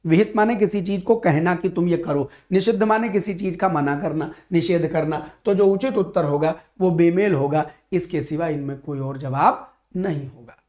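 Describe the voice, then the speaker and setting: A man teaching an exam-prep grammar lecture, lively and rhetorical, acting out student questions as he goes. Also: on the high side, moderate pace, few pauses. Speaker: Hindi teacher.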